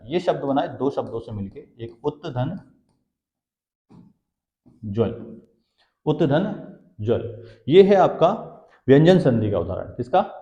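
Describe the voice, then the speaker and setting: A man's voice: medium pitch, mellow. Man teaching Hindi grammar, echoey room. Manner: asks the class questions and answers them himself, repeats key terms. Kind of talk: exam-prep lecture. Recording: dull, echoey classroom sound.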